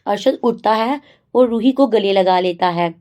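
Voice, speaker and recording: A woman storyteller reading a romance story aloud in a measured, steady way. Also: mid-range voice. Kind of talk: scripted story narration.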